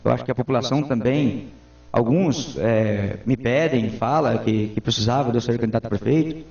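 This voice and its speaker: A man's voice: mid-range voice, a little fast, creaky, mellow. A man in his forties, a town councilman, giving earnest, formal answers in a local TV interview. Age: 40s. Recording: roomy, distant, dull lo-fi sound.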